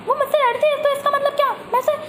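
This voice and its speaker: A woman doing a shrill, boastful young girl. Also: fairly even intonation, a bit bright, slight background noise. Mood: urgent. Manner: shrill and boastful, quick to scold. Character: proud bratty young girl, boastful yet brave. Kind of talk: homemade family skit.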